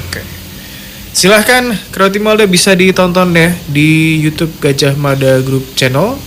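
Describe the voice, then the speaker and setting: Higher-pitched male radio host, chatty. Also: fairly even intonation, a little slow, a bit bright, a little hiss or hum. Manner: chatty, addresses listeners directly. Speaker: radio host of a horror-story call-in show. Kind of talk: casual live radio hosting. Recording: music playing behind voice.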